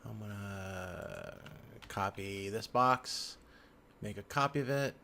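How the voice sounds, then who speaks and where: A man with a lowish voice and a sharp tone talks slowly through an unscripted, casual software tutorial that he screen-records indoors at a computer. He thinks aloud and murmurs to himself, and the background picks up keyboard typing and mouse clicks.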